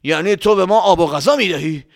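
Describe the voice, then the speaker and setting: A man's voice: sits high, no room sound, clean studio sound, pitched above the performer's own voice. A man voicing a rude, hot-tempered grown man traveler in a children's story, scolding and grumbling to himself. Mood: astonished. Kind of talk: storybook character voice.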